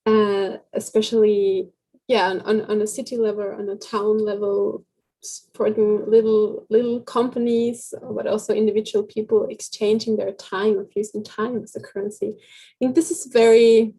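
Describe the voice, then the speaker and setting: A woman from Finland speaking on a video call in a workshop discussion, musing gently and asking long questions. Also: mid-range voice, level tone, moderate pace, husky, low-quality recording. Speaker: workshop participant.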